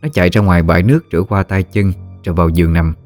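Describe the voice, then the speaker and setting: Low-voiced male horror storyteller. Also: rapid-fire, a little mellow, soft background music.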